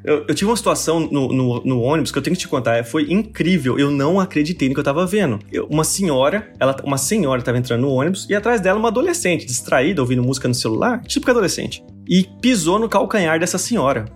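Animated Brazilian man, fairly high voice. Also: fast, hardly any pauses, faint music behind. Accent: Brazilian Portuguese. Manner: animated, expressive storyteller. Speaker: guest. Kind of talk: casual interview storytelling.

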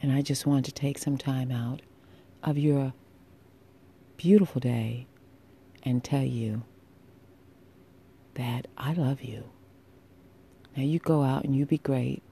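A woman hosting a solo podcast with a sultry, husky voice, speaking intimately and deliberately with emphatic pauses, affectionate and encouraging toward listeners. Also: extremely low pitch, steady tone, dark tone. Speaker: podcast host.

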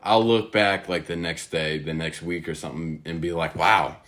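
A young man co-hosting a faith podcast, halting and playful, acting out little scenes as he talks. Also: low voice, a bit bright. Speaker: podcast co-host. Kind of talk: casual faith chat.

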